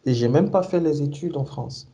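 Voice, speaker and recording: Answering interview questions about his career, an SAP consultant guest from Cameroon, a man in his thirties, speaks with hesitation and frequent fillers and restarts. His voice is a little high and warm, at normal speed. A little hiss or hum sits in the audio.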